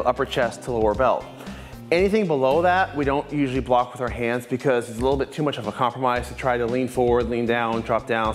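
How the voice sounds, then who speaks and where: A man's voice: medium pitch, big-room sound. A man in his thirties, a martial arts instructor, methodically explaining and comparing blocking techniques. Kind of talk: instructional commentary. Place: martial arts dojo, indoors. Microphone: lapel mic, medium camera shot.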